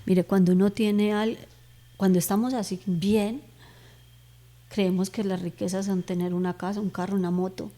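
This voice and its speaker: A middle-aged woman speaks in a warm, mellow voice as a podcast guest giving a faith testimony. Her telling is earnest and heartfelt, and it rises into fervent, pleading prayer when she retells her own words. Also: medium pitch, flat delivery, normal speed. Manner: earnest, emotional storytelling with fervent prayer retold aloud. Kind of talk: personal testimony in conversation.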